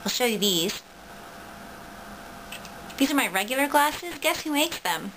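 A young woman in a playful vlog, joking at her own expense in a fake British accent she is practicing. Her voice sits fairly high, with a light hiss of noise behind it. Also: sing-song, unhurried. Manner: playful, jokey, self-mocking. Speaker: vlogger. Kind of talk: comic contest video entry.

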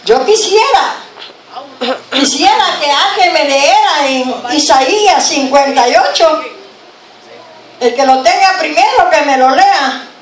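Woman preacher, middle-aged, earnest, unhurried delivery, echoey sanctuary, distant mic. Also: high voice, expressive, crowd noise. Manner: earnest, exclaims praises between points. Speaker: guest preacher. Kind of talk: sermon. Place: church sanctuary, at a pulpit. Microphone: handheld mic. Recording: roomy church sound from a distant camera.

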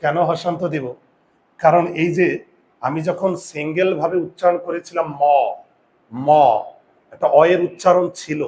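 A male teacher giving a classroom lesson, quizzing his students and drawing out sounds slowly. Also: on the high side, darkish tone.

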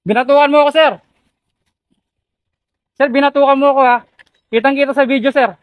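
A man's voice: very high-pitched, fairly even intonation, a little fast, no room sound. A man working as a delivery rider who pleads politely and keeps calling the customer sir. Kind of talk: tense confrontation filmed on phone. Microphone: phone camera. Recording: tinny phone-like sound.

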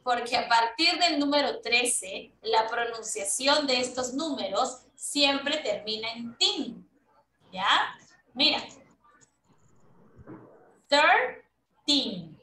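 A woman's voice: on the high side, expressive, slow, pushed and bright, echoey room, distant mic, rough recording. A woman teaching English to children in an online class, patient, repeating herself and checking that the kids follow along. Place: room at home on a video call. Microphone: laptop mic on a video call.

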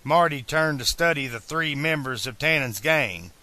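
A man reading a novel aloud as a fan audiobook narrator, in a slow, deliberate way. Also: fairly high pitch, expressive, bright, forceful tone, no echo.

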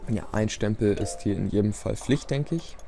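A let's play commentator with a low-ish, creaky, warm voice talks over game music at a moderate pace. His gameplay commentary is casual and self-deprecating, rambling along in a resigned way.

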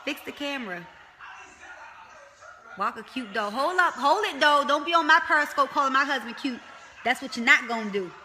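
A woman's voice: high voice, lively intonation, normal speed, long pauses, sharp tone, slight background noise. A woman with a Baltimore accent chatting casually on a phone livestream from bed, teasing and cursing as she talks to her viewers. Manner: teasing, profane, addresses viewers. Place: bedroom, in bed.

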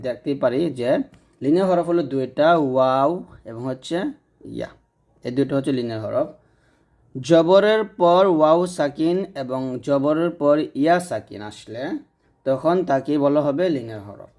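Male teacher, patient and repetitive, warm mellow tone, lesson delivery. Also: mid-range voice, normal speed. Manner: patient, repeats rules, checks understanding. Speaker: Quran reading teacher. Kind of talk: explanatory lesson.

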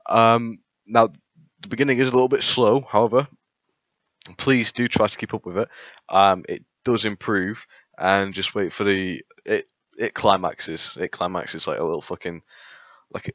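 A man giving a relaxed, casual intro to his video, talking loosely and swearing freely. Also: lowish voice, no room sound. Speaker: video uploader. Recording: dull lo-fi mic audio.

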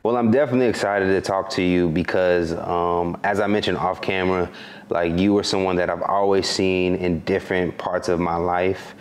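Deep-voiced male interview host. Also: normal speed. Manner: relaxed, builds up questions with "like" and "um". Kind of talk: casual interview questions.

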